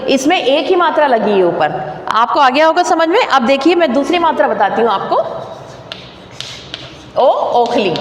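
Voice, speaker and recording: A woman teacher giving a patient classroom lesson, explaining step by step and quizzing her pupils. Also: sits high. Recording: echoey room with faint background hiss.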